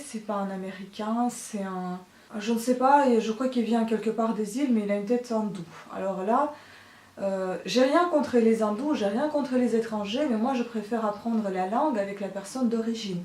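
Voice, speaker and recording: A woman's voice: medium pitch, moderate pace, darkish tone, distant mic. A woman vlogger talking in a casual, hesitant monologue, full of filler sounds and frustrated complaints. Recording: roomy sound, voice from the mic.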